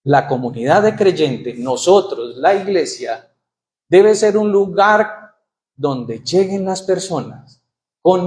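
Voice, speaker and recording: A man's voice: fairly high pitch, a little mellow. A man preaching a sermon in church, asking the congregation questions and reading scripture aloud with rising emphasis. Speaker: pastor.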